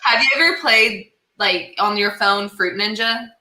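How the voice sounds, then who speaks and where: A woman's voice: medium pitch, measured pace, bright, forceful tone. A woman chatting casually as a guest on a live stream about her craft. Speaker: guest, knife designer. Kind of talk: casual chat. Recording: roomy echo.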